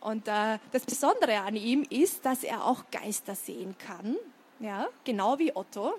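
A woman with a high, bright voice reads a children's story aloud with lively storytelling. Between passages she chats casually to young listeners, full of little fillers. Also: measured pace, husky. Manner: lively storytelling, chatty asides with many fillers. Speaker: children's book reader. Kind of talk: reading aloud, then explaining to children.

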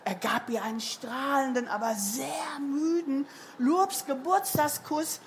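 A woman reading a picture book aloud to children, her voice high and her pace unhurried. She reads in a lively, sing-song way. Faint background noise sits under the recording.

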